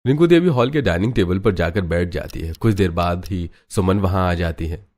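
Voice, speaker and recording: A man's voice: deep voice, normal speed, darkish tone. A man narrating a scripted Hindi family drama in a plain storytelling delivery.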